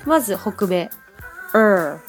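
A Japanese woman with a fairly high voice hosts a podcast lesson on English pronunciation. She talks in a chatty, friendly way and slows down to speak careful English. Faint music plays underneath. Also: lively intonation. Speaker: podcast host and English teacher.

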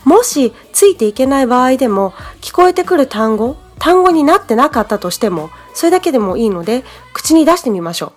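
A woman's voice: high voice, big pitch swings, a little fast, few pauses, faint music behind. A woman from Japan hosting a podcast English lesson, explaining in a friendly, chatty way. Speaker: English teacher, podcast host.

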